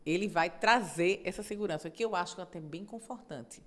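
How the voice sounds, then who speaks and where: Speaking at a normal pace in a lowish voice, this middle-aged female judge is a guest in a conversational interview. She explains with animation and keeps checking in through tag questions.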